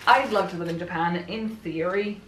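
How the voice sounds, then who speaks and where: A woman from Sweden, in her twenties, chats casually at a normal speed while assembling furniture; she's a book vlogger, rambling and laughing often. Her voice sits on the low side. The room at home echoes, the camera is some distance off, and there's a little hiss or hum.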